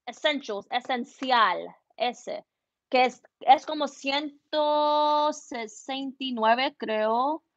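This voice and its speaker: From her embroidery studio room, a young Spanish-speaking vlogger chats on a livestream, moving back and forth between Spanish and English. Heard through wireless earbuds, her high, fairly bright voice comes across dry, with the highs cut off.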